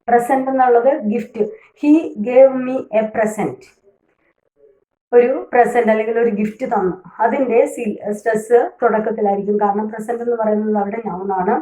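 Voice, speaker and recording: A woman with a fairly high, mellow voice teaches a lesson. She reads each rule out slowly, then explains it patiently. The room around her rings with echo. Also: fairly even intonation. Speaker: English teacher. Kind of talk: explanatory lesson, mixing two languages. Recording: echoey room.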